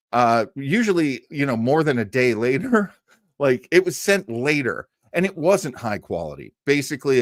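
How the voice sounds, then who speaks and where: A mid-range male voice in studio quality with no echo belongs to an American performer who hosts an old-time radio show. Talking casually to livestream viewers, he tells stories with a fan's enthusiasm and repeats himself for emphasis.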